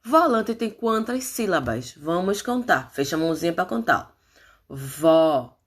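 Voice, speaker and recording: A woman teacher leading a phonics lesson for young children, stretching out syllables and coaxing them to answer. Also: mid-range voice. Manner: slow, drawn-out syllables, animated coaxing.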